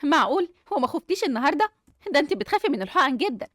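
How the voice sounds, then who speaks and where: A woman voicing a caring mother who coaxes her daughter in a fairly high voice with an Egyptian Arabic accent. She talks very fast. The sound is dry and close. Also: very animated, fairly bright tone, no echo. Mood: warm.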